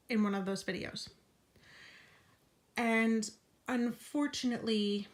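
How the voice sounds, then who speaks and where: An out-of-breath woman giving a casual update vlog from her bed at home, talking in a frank, indignant way and sometimes dropping into a whisper. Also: medium pitch. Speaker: vlogger.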